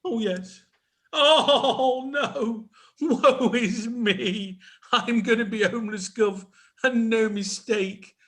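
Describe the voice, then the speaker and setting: A man's voice: fairly high pitch, expressive, a little slow, sharp tone, full character voice. Dame Felicity, a man playing a hammy panto dame. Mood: wailing. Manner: melodramatic wailing, hammy. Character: self-pitying, pompous pantomime dame, a mother. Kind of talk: comic pantomime acting. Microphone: video call.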